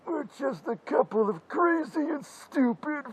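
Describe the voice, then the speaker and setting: A man voicing a weary, older masked slasher who rants in frantic, crude, yelling bursts in a comedy parody sketch. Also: extremely high pitch, lively intonation, a little slow, no echo, poor audio. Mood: exasperated.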